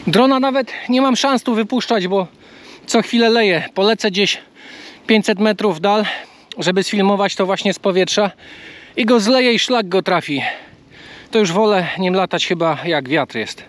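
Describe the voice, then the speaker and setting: A man's voice: high voice, normal speed, fairly bright tone. A man casually vlogging from a bike trail outdoors, talking in a chatty, easygoing way. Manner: chatty, coaxing talk to a bird. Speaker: travel vlogger. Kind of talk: casual travel vlog.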